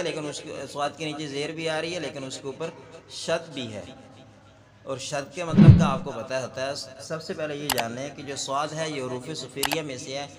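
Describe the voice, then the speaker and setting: A man teaching Quran recitation word by word, repeating each sound slowly and drawn out for the learner. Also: a little high, long reverb tail. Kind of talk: slow word-by-word recitation lesson.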